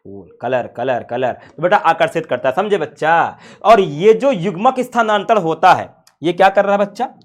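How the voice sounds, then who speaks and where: Man, high voice, playful teacher, rhetorical questions. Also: lively intonation, moderate pace. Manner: playful, asks rhetorical questions, calls students "son". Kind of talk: classroom science lecture.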